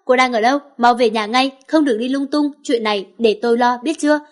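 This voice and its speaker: A woman's voice: on the high side, fairly quick, natural voice. A woman reading the lines of a stern, protective young father giving curt orders. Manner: curt, commanding.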